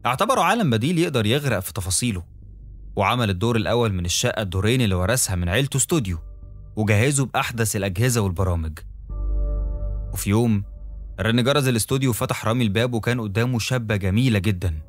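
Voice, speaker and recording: A man with an Egyptian accent narrates a scripted horror story in a steady, dramatic manner. His voice is fairly low and his pace brisk. Soft music plays faintly underneath. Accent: Egyptian Arabic. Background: soft background music.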